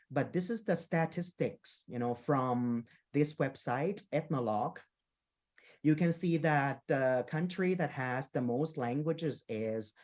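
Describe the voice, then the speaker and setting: Presenting at a conference on their teacher-training work, a speaker from Thailand uses a dark, medium-pitched voice. They take points slowly and patiently, fill in with "you know," and keep confirming with "okay?" and "right?".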